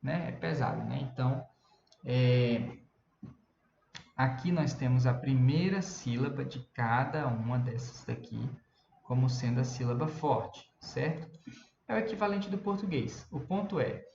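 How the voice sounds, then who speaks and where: A man's voice: mid-range voice, gravelly, a little mellow. A Brazilian man teaching an English lesson in a chatty way, explaining in Portuguese and mixing in English words. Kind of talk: recorded online lesson. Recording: lo-fi roomy recording with faint hum.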